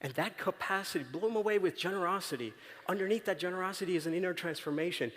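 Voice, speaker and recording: A man's voice: high voice, fast, fairly bright tone. A man giving a conversational, story-driven talk on stage, often checking in with the audience by asking "right?". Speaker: conference speaker. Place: large auditorium stage. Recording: long reverb of a large hall.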